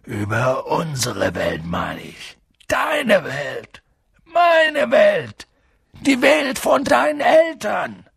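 A man voicing a huge, gruff male giant with a quick temper who bellows and booms in an audiobook reading. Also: sing-song, a bit bright, no echo, clean studio sound, exaggerated voice. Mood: shouting. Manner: booming, bellowing outbursts. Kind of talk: audiobook character voice.

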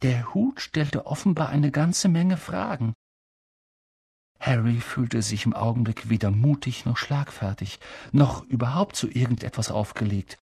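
Brief: male audiobook narrator, unhurried, close dry studio sound. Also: medium pitch, gravelly, husky, no room sound. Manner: calm, measured storytelling. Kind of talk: audiobook reading.

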